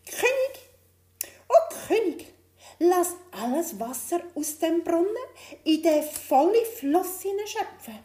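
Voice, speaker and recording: A man's voice: very animated, takes it slowly, warm tone, exaggerated voice. A piping thumb-sized boy. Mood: calling out. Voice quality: piping, high and distant-sounding. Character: tiny thumb-sized boy, gentle and clever. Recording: roomy echo.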